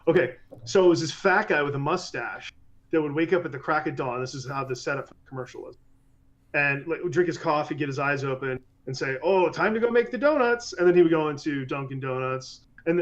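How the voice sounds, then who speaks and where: A man in a casual podcast conversation, talking in an animated way. He often restarts his sentences and mimics other people when he quotes them. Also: medium pitch, highs cut off.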